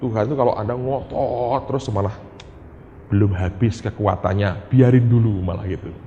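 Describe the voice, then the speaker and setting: A middle-aged male pastor, preaching in a lively, conversational way and often turning to the congregation. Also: on the low side, normal speed, muffled recording. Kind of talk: sermon with told prayers and anecdotes. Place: church hall. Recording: reverberant hall, faint room noise.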